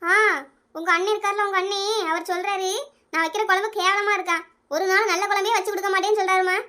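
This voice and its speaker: A woman's voice: very high-pitched, steady tone, quick pace, sharp tone. A woman voicing an indignant village housewife who argues back in a cartoon comedy, with a Kanyakumari Tamil accent. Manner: arguing, defensive.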